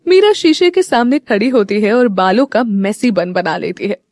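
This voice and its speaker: A woman narrating an audio story in a steady, even storytelling manner. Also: medium pitch, moderate pace, no room sound, clean studio sound.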